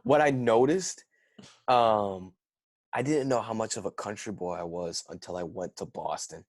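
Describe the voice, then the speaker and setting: A man's voice: lowish voice, normal speed, no echo, studio quality. A young man with a Southern US accent, a comedian chatting casually as a guest on a podcast recorded over a video call, rambling and laid-back. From Georgia.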